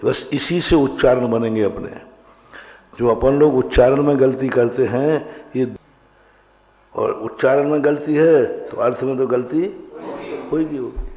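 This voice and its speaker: A religious teacher with a mellow, mid-range voice runs a grammar class, quizzing his students and drilling their pronunciation at a measured pace with long pauses. The recording is roomy, hall-like and dull lo-fi.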